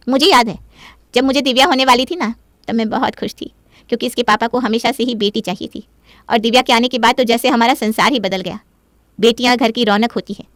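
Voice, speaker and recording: A woman's voice: fairly high pitch, no room sound, lightly acted. A woman voicing a loving middle-aged mother speaking heartfelt words about her daughter in a moral story. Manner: heartfelt, speech-like.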